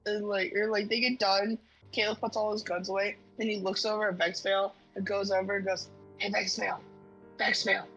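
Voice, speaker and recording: A woman's voice: mid-range voice, flat delivery, fairly quick, a bit bright, dull audio, faint music behind. A woman playing in a tabletop game, telling her moves in a laid-back, loose way. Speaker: player. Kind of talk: casual tabletop chat.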